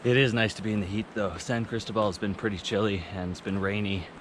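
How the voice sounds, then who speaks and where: A man's voice: on the low side, steady tone. A man talking casually to camera as a travel vlogger, out of breath while climbing a mountain trail, chatty and self-mocking. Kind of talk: casual vlog talk to camera. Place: outdoors on a mountain trail near a waterfall. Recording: loud rushing waterfall noise outdoors.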